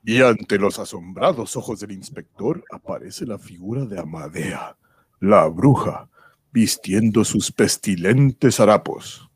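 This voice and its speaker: A man's voice: lowish voice, expressive, measured pace, husky. A man delivering dramatic scripted narration for a radio serial.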